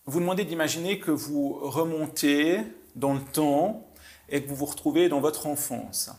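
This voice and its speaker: A man, a mentalist host leading a guest through a calm guided visualization with soft, hesitant instructions. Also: on the high side. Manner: soft, slow, suggestive instructions with hesitant restarts.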